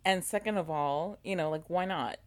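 A woman in casual podcast chat, animated and full of fillers and restarts. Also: on the low side, moderate pace. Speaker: podcast co-host. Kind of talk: casual chat about a TV show.

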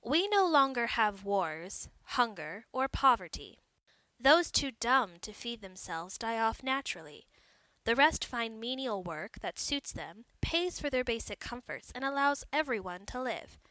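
A woman reading a story aloud, voicing a smug, condescending female government advisor who lectures slowly and pointedly. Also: a little high, big pitch swings, bright, forceful tone, no echo, heavily acted, rough recording.

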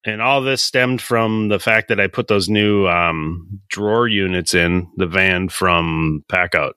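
A man with a fairly low, bright voice chats casually as a podcast co-host. The sound is dry and close, with no room echo. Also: takes it slowly, smooth. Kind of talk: casual chat.

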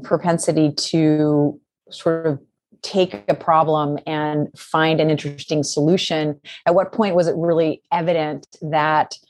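A woman hosting a podcast interview, chatty and friendly, with quick restarts as she frames her questions. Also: low-pitched, darkish tone, dry recording. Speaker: podcast host. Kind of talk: casual interview.

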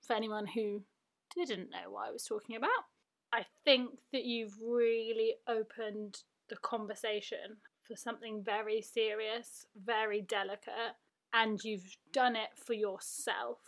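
A woman's voice: on the high side, fairly even intonation, measured pace. A young woman hosting a casual podcast, chatty and self-mocking, often laughing as she reads listener emails. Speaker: podcast host.

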